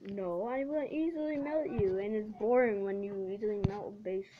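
A woman's voice: medium pitch, normal speed. A woman in casual, boastful banter while playing a video game. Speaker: gamer. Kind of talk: casual chat while gaming. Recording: lo-fi with faint noise.

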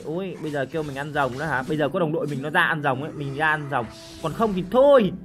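A man giving excited live commentary over a mobile game he is playing, full of repeated cries and joking boasts to viewers. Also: high-pitched. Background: game music.

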